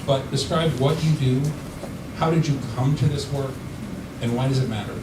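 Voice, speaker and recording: A man moderating a conference panel, speaking haltingly with many fillers. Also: medium pitch. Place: large conference room. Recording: echoey hall, distant mic, loud background noise.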